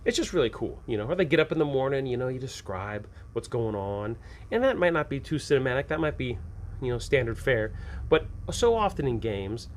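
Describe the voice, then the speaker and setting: There's slight background noise behind this man's medium-pitched voice as he hosts a show offering tabletop game advice. Casual and keen, he launches into spontaneous scene descriptions in colloquial talk, animating his delivery for acted examples.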